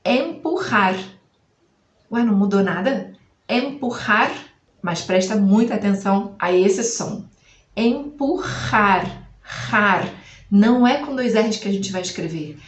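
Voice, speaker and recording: A woman teaching a language lesson, asking the viewer questions and then repeating each word slowly and clearly. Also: medium pitch, a little mellow, roomy sound, highs cut off. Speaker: Spanish teacher.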